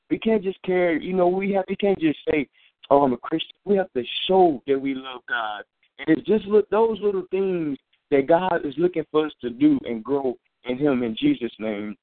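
A man's voice: fairly high pitch, no room sound. A man giving an earnest, informal faith testimony and sermon, repeating and restarting his phrases as he goes. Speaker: preacher sharing a testimony. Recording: dry tinny phone-like sound.

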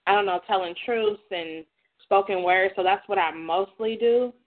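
A woman's voice: mid-range voice, normal speed. A woman poet calling in over the phone, talking in a hesitant, casual way with many fillers. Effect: heard over the phone. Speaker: caller, poet and creative writer. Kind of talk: casual chat. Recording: tinny phone line.

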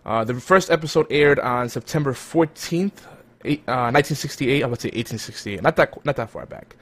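A man's voice: medium pitch, fairly quick, a bit bright. A man hosting a casual podcast segment, rambling with fillers and self-corrections. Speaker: podcast host. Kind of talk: casual chat.

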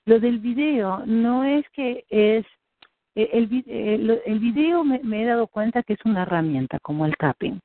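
A woman's voice: fairly high pitch, expressive, normal speed, no room sound. Woman coaching over a tinny call line. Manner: encouraging, many restarts, acts out her own thoughts. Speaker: business coach. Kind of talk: coaching conversation. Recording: tinny phone-like call audio.

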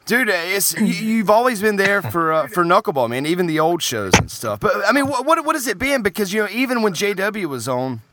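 Male podcast host: high, bouncing pitch, upbeat, lots of fillers and restarts. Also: big pitch swings, a little fast, hardly any pauses, over a noisy crowd. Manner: upbeat, filler-heavy, hesitant. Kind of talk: casual podcast chat.

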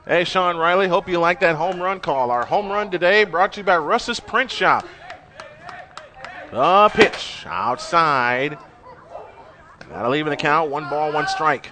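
A man's voice: a little high, a little slow, noisy background. A man giving live baseball play-by-play in terse phrases, as the game announcer.

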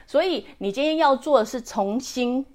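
A woman's voice: high voice, expressive, moderate pace, a little mellow. A woman in her forties hosting a podcast, giving casual advice in a chatty way. She often checks in with the listener and drops English words into her speech. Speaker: podcast host.

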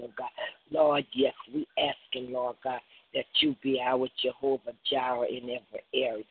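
Guy praying hard on a prayer call, keeps saying lord god, raspy, thin phone sound. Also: medium pitch. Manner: chanting repetitions of "Lord God" and "oh God", building in intensity. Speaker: prayer leader. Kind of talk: fervent spoken prayer on a phone prayer line. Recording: tinny phone line.

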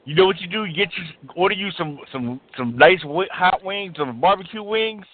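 A middle-aged man calls in to a radio show, chatting excitedly about sport in mushy, toothless speech altered by a stroke, repeating phrases for emphasis. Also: high-pitched, normal speed, slight background noise. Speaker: radio phone-in caller. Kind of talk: excited casual sports chat. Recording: tinny narrow phone line.

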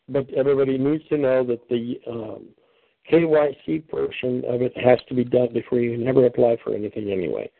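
A man with a gravelly voice hosts a conference call, heard through a thin phone line. He explains things patiently and folksily, with plenty of "um"s, and the sound is dry and close. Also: mid-range voice, no room sound. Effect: heard over a phone line. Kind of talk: answering questions on a call.

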